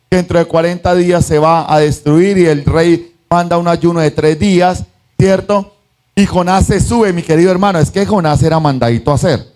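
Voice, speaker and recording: A man preaching a sermon as pastor, acting out voices from the story and asking his congregation questions. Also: sits high. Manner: animated, acts out the voices of the story; asks the congregation "¿sí o no?".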